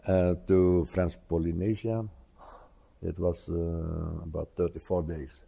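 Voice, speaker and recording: A man in his seventies, an interview guest, speaking hesitantly with many pauses and tag questions. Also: sits low, flat delivery, creaky, warm tone, slightly rough. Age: 70s. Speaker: interview guest, retired traveler. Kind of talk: casual conversational interview.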